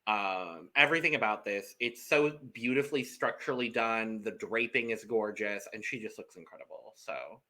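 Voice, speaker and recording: A man co-hosting a podcast in casual chat, animated and playful, jumping in with quips. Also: lowish voice, moderate pace, hardly any pauses. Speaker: podcast co-host.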